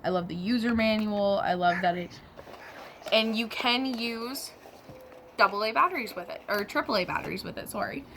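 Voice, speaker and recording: Slight background noise accompanies a female product reviewer whose medium-pitched, slightly bright voice moves at a moderate pace. Her hands-on demo is casual and chatty, and she self-corrects throughout.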